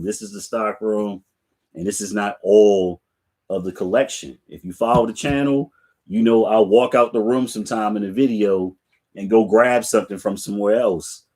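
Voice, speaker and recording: Laid-back deep-voiced sneaker vlogger man. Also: darkish tone. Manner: laid-back, chatty, talks straight to viewers with fillers. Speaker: sneaker channel host. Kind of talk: casual live chat to viewers. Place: home room lined with sneaker racks.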